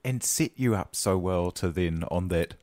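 A man's voice: low voice, a little slow, darkish tone. A male interview host making enthusiastic, emphatic remarks to his guest. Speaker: podcast host. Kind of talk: conversational interview.

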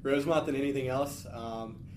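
A man's voice: medium pitch, fairly even intonation, normal speed, darkish tone. A man working as a social media specialist, giving short, easygoing interview answers in an office huddle room. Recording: roomy echo with faint hiss.

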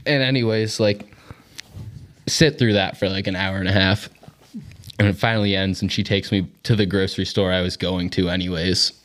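A man's voice: sits low, fairly even intonation, moderate pace, fairly bright tone. A man from Boston, a podcast co-host, telling a story casually, laughing and swearing often. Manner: laughs through his own story, swears freely.

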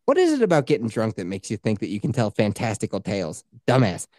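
A woman's voice: a bass voice, huge pitch swings, fast, mellow, no room sound, clean studio sound. A woman telling a funny story in a casual chat, mocking herself and laughing often.

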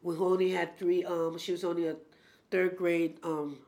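A woman in her sixties from New York City, an artist talking as a guest in a casual interview, halting and searching for words. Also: lowish voice, flat delivery, darkish tone. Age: 60s.

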